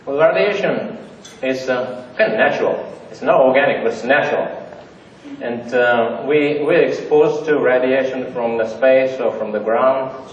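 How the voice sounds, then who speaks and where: A conference presenter addresses a theater audience in a medium-pitched voice, joking along in plain non-native language crowded with fillers. The recording comes from a distance, sounding dull and roomy with a bit of background noise.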